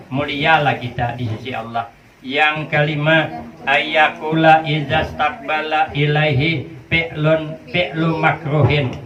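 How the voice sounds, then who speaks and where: A man in his fifties with a Banjar Malay accent, giving a humorous sermon, telling stories in playful dialogue and chanting Arabic phrases. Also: on the high side. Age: 50s. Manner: storytelling with playful dialogue and sing-song Arabic recitation. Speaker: preacher. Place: hall with a live audience. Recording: echoey, distant, muffled crowd hall recording.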